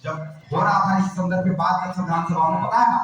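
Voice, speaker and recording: High-voiced man questioning a crowd, echoing room. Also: steady tone, brisk, a bit bright, faint music behind. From Jharkhand, India. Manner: keeps firing rhetorical questions at listeners. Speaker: activist speaker. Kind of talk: public address to a gathering. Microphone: far from the mic. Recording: very echoey room, distant mic, faint noise.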